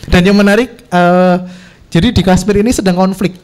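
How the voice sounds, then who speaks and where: A man with a high voice tells a travel story to an audience. He is animated, laughs often and acts out the voices of people he met. He sounds a little far from the mic in an echoey hall. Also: moderate pace. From Indonesia.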